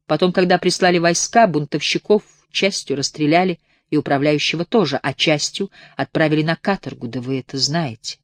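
A hesitant, uneasy landowner confides a dark local legend , read by a woman in an audiobook. He speaks in a low, confiding tone with little flourish. The recording is dry and close. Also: fairly quick, few pauses, dry recording, lightly acted. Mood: hushed.

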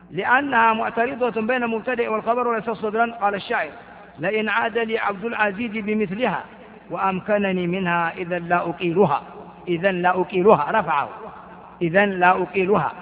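A man's voice: high voice, vocal fry. An older man giving a classical grammar lecture, reading out a text and explaining it with repetitions and questions to his students. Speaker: teacher of Arabic grammar. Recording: phone-like lo-fi recording in a reverberant hall.

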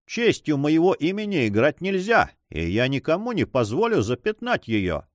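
A man's voice: a little high, very animated, normal speed, no echo, clean studio sound. A man voicing a proud, hot-tempered nobleman in an audiobook, commanding and threatening. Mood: stern. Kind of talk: audiobook reading.

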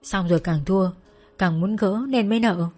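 A desperate mother in a spoken story, begging and tearful, as a woman reader puts her on. Her pleas sit at an ordinary middle pitch over soft music in the background. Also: normal speed, natural voice. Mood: pleading. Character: desperate pleading mother in debt.

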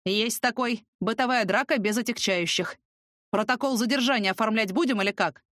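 A woman reading an audiobook, voicing a gruff, bossy middle-aged police officer who barks orders and lectures. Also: fairly high pitch, brisk, a bit bright, no echo, studio quality, lightly acted. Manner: barking, commanding, fatherly lecturing. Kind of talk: audiobook character voice.

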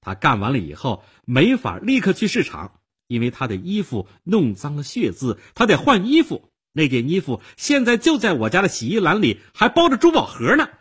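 A man's voice: mid-range voice, sing-song, moderate pace, few pauses, breathy edge. A man voicing a jealous, furious young woman who shrilly accuses a liar in a radio storytelling.

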